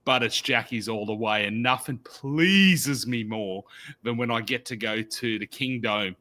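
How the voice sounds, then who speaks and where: A man in his thirties from Sydney, Australia, speaking with an Australian accent, co-hosts a casual podcast chat from a home studio. He's a loud, animated storyteller with a medium pitch and an unhurried pace, heard through a desk mic on a video call.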